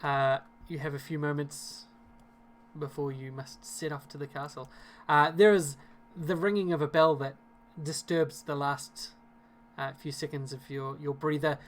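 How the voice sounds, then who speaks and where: A man's voice: a little high, fairly even intonation, unhurried. A man narrating a tabletop game as game master, casual and hesitant, with many fillers.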